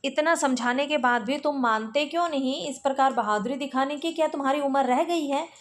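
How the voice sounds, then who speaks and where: A woman voicing an exasperated middle-aged wife who scolds her husband with sharp, complaining questions while she reads a play aloud for exam study. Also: high voice, a little fast, natural voice. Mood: reproachful.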